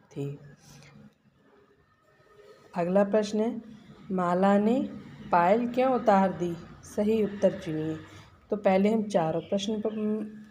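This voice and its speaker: Slow, patient woman teacher. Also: medium pitch, dark tone, slight background noise. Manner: patient, asks questions then answers them. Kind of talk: classroom lesson explaining workbook answers.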